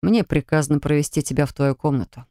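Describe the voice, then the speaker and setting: A woman voicing a gentle young male student who speaks quietly and soothingly, lowering her voice for him. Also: quick pace, dry recording, clean studio sound. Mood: calm.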